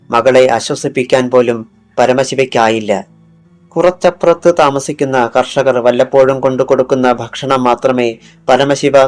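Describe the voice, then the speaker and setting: A man reading a thriller audiobook in scripted narration, dropping his voice for quoted lines. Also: medium pitch. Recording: faint music underneath.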